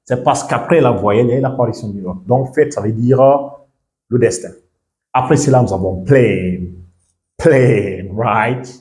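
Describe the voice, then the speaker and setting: A man teaching English pronunciation in French, repeating each English word slowly and often checking whether listeners understand. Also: medium pitch, a little mellow, roomy sound. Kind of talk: language lesson.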